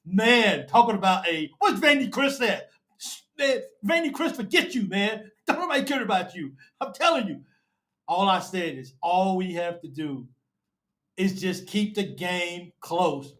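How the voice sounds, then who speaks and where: Excited high-voiced man hosting a fan show. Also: measured pace. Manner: excited, emotional, repeats himself, calls listeners baby and bro. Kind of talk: excited live fan commentary.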